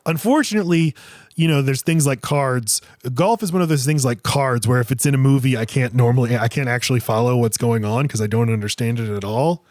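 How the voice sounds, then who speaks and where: A man's voice: mid-range voice, a little fast, darkish tone, no echo, studio quality. A man co-hosting a movie review podcast in casual chat, rambling and restarting sentences, slipping into silly voices to quote scenes. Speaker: podcast co-host.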